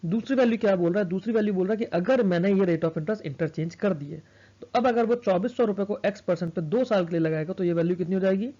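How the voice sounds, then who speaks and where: A man's voice: high-pitched, fast, warm tone, highs cut off. A man teaching an exam math lesson in a mix of Hindi and English, working sums aloud and answering his own questions. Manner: works sums aloud, asks and answers himself.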